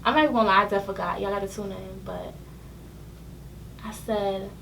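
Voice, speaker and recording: A woman's voice: mid-range voice, quick pace, vocal fry. A young woman, a podcast guest telling stories in slangy, laughing casual chat. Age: young adult. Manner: animated storytelling full of slang and laughter. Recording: distant mic with faint room noise.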